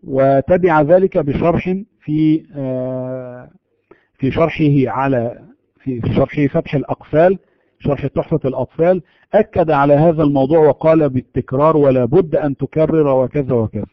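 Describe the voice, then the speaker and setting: Measured male tajweed teacher on radio. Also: fairly high pitch, no echo, muffled recording. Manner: measured, demonstrates letter sounds slowly. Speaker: Quran recitation teacher. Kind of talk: tajweed lesson.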